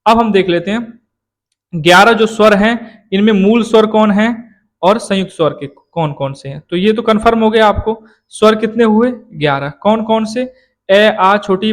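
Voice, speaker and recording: A man teaching a classroom lesson who asks questions and answers them himself, dropping lower on each answer. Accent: Hindi, from eastern Uttar Pradesh.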